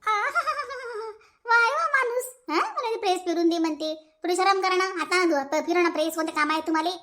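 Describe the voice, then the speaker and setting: Woman voicing a shrill sulky young wife. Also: fairly bright tone. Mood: indignant. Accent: Vidarbha Marathi. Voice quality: shrill and high. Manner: quick and indignant, talks back. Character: sulky young wife who dodges chores. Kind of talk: cartoon voice acting.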